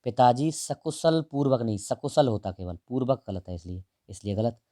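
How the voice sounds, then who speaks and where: A man teaching exam prep, going through answers one option at a time in a casual, direct way and drawing some words out slowly. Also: medium pitch, lively intonation, dark tone, dry recording, clean studio sound. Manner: explains each option, stretches out words while writing; casual and direct, calls the listener brother. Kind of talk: answer-key walkthrough lesson.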